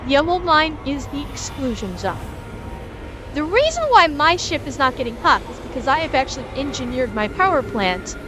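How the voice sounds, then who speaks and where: A woman's voice: high-pitched, noisy background. A woman giving a live gaming tutorial as an instructor, emphatically repeating key points and answering viewers as she goes. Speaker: instructor and host of a gaming lesson.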